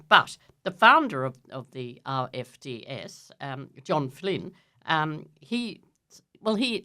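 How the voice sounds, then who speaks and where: An older woman hosts a radio interview in a low, deep voice. She talks gently and haltingly, pausing often with fillers as she leads the conversation. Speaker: radio host.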